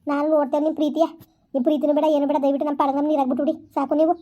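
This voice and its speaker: A fierce young elder sister, played by a woman, rattling off rapid scolding lines. Her high voice has a mellow, darker tone. It is a protective, indignant village-skit role. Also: level tone, natural voice.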